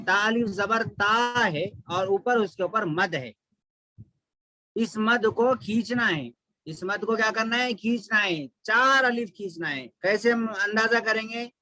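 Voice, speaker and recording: A man teaching Quran recitation with a Pakistani Urdu accent, chanting verses slowly and then explaining them briskly, asking questions and answering them himself. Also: high voice, pushed and bright, no room sound, rough recording. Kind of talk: recitation lesson.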